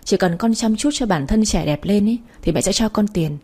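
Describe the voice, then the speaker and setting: A woman's voice: mid-range voice, moderate pace, mellow, slightly rough, close to an everyday voice. A woman voicing an insistent, scolding middle-aged mother in a storybook reading. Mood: nagging.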